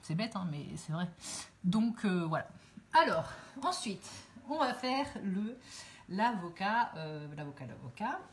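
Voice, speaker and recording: A woman's voice: mid-range voice, sing-song, measured pace, long pauses. A woman hosting a casual live cooking stream from her home kitchen, chatting with viewers through her phone and rambling with many fillers.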